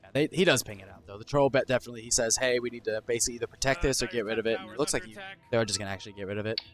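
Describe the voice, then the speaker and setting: A man's voice: mid-range voice, rapid-fire, soft background music. A man giving casual play-by-play esports commentary, thinking aloud, hedging and correcting himself as he goes. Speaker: esports caster.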